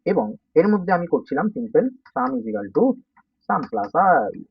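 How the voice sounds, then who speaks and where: A man teaching a coding lesson in a Bengali accent, speaking softly because of a sore throat and often checking that students follow. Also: sits high, very animated, a little slow, gravelly, slightly rough, no room sound. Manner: informal, checks understanding often. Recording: dull, dry, slightly distant.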